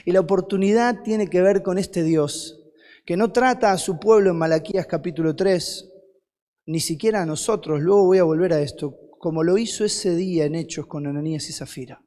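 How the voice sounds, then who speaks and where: A man's voice: high voice, normal speed, mellow. A man with a Rioplatense Spanish accent preaching a sermon as a guest preacher, firing rhetorical questions at the congregation and answering them himself. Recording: long hall reverb.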